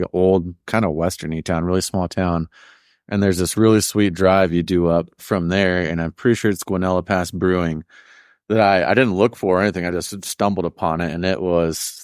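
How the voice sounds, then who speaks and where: A man's voice: deep voice, smooth, dry recording, studio quality. A man from Colorado as a podcast guest in casual chat, easygoing and slangy. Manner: easygoing, laughs often, slangy.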